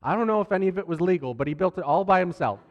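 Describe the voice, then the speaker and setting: A man in his thirties preaches with a slightly high voice, spinning a funny story about his own frustrations. His words ring out with a long church hall echo behind them. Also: very fast, dull audio. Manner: animated, self-deprecating humorous storytelling. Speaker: pastor. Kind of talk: sermon storytelling. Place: church sanctuary.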